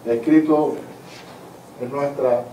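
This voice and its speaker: A man's voice: mid-range voice, fairly even intonation, takes it slowly, warm tone. Cuban-born man lecturing in an echoey hall. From Cuba. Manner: earnest, emphatic lecturing. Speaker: author and historian. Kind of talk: answering audience questions at a book talk. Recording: echoey hall from far off, faint noise.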